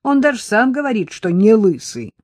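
A reader putting on a gruff older hospital orderly who speaks roughly and bluntly. The put-on voice is raised and loud, recorded dry. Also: mid-range voice, big pitch swings, moderate pace, no echo, voice pushed up.

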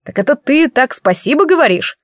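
A woman's voice: high-pitched, very animated, brisk, no room sound, clean studio sound, voice pushed up. A woman voicing a haughty, sarcastic male elf in armor in an audiobook. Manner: sarcastic, eye-rolling.

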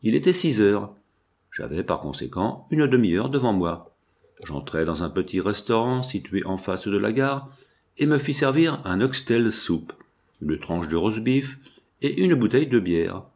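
A man reading a first-person novel aloud in a steady, measured way, lifting his tone for the quoted speech. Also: lowish voice. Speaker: audiobook reader. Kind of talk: scripted first-person narration.

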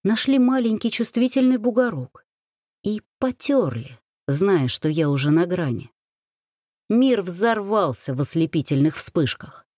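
Expressive woman reading an audiobook. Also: mid-range voice, measured pace, no room sound, studio quality. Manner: lively, emotive first-person reading. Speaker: audiobook reader.

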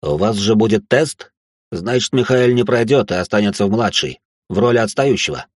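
A man's voice: on the low side, lively intonation, moderate pace, dry recording, studio quality. Man voicing a stern cold aristocrat father. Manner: curt, clipped.

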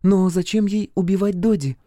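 A man voicing an emotional, quick-tempered young woman in a storybook reading, in a high, excitable and indignant voice. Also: no echo, studio quality, natural voice. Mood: anxious, demanding.

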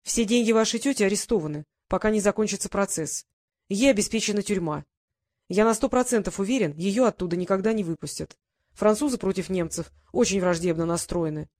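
An urgent young English gentleman in a storybook reading, voiced by a woman narrator presses his warnings hard and fast. He sounds blunt and insistent. The recording is dry and close. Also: mid-range voice, no echo, natural voice.

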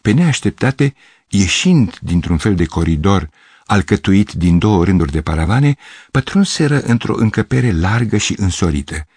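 A man reading a literary story aloud as narrator, in a measured, expressive manner. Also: low-pitched, husky, no room sound.

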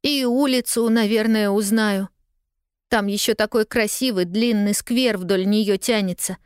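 A woman's voice: medium pitch, a little slow, clear, resonant tone, dry recording, clean studio sound, voice pushed up, lightly acted. A woman voicing a lost young girl who is tearful yet stubbornly cheerful, talking in an eager, pleading way.

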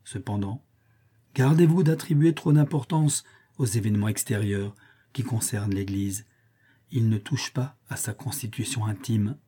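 A man's voice: fairly low pitch, normal speed, dark tone, slightly rough. A man voicing a proud Byzantine empress, imperious and reproachful, in a cool, lecturing tone.

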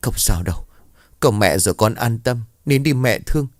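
A man's voice: medium pitch, animated, moderate pace, no echo, clean studio sound, close to an everyday voice. A man voicing a worried young mother, speaking in a raised, pleading tone. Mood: soothing.

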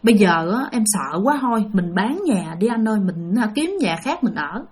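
A woman voicing a frightened wife who talks softly and hesitantly to her husband in a told story. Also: mid-range voice, big pitch swings, normal speed, slightly rough, voice pushed down. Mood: worried. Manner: hesitant, soft, worried.

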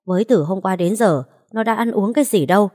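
A woman's voice: medium pitch, a little fast, mellow, natural voice. A woman voicing a frantic, tearful old grandmother who pleads and coaxes. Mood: pleading.

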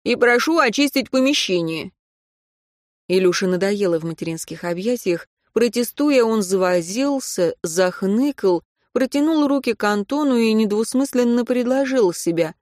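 A woman's voice: medium pitch, expressive, normal speed, hardly any pauses, dark tone, no room sound, clean studio sound. Woman narrating an audiobook. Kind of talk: scripted narration.

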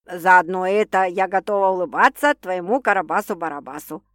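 A woman's voice: lowish voice, normal speed, a bit bright, dry recording, studio quality, lightly acted. Woman doing a brash slangy big sister. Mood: skeptical. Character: blunt skeptical older sister, slangy and loud.

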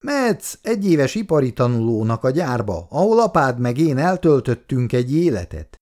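A man's voice: mid-range voice, very animated, a little mellow, natural voice. A man voicing a bossy, self-satisfied older family friend in a read-aloud story, talking in a hearty, boastful way.

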